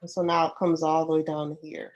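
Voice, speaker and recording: Woman, low congested voice, lax and hesitant delivery, informal conversation among hobbyists. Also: flat delivery, fast, a little mellow, muffled recording. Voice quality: congested, stuffy-sounding. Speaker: sewing group member showing her projects. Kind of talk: casual chat.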